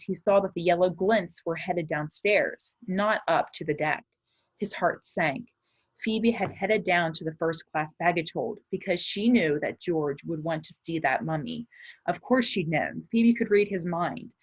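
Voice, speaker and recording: Speaking to her pupils in plain, simple language, a woman with a low-pitched voice plays an elementary teacher who explains and reads a children's story. The recording is dry with little room sound, and its quality is low.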